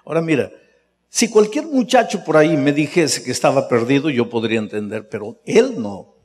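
A man's voice: mid-range voice, very animated, moderate pace, darkish tone. A middle-aged man, a pastor, preaching a sermon as an impassioned storyteller at a youth congress. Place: large hall at a youth congress. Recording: long hall reverb.

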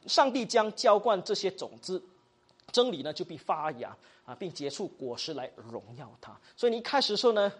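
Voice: mid-range voice, slightly rough. A teacher giving a Bible study lesson, mixing in English words, often asking the class questions and tagging sentences with little particles. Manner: acts out example dialogues.

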